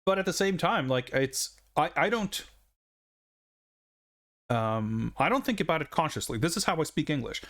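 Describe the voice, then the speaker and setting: Very animated and fairly bright, the fairly high voice of a Swedish man in his forties moves at normal speed with frequent pauses. A native Swedish speaker, he chats casually on a game stream, rambling, reflective, and chuckling a lot.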